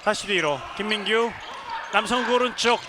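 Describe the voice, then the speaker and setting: A high-voiced man calls a live handball game over clearly audible hall noise. He works as the play-by-play announcer, following each pass and given to excited, drawn-out shouts on scoring plays. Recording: clear arena noise behind the voice.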